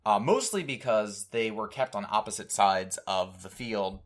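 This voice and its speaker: A man co-hosting a casual fan podcast, discussing a cartoon episode in animated bursts. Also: fairly low pitch, measured pace. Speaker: podcast co-host.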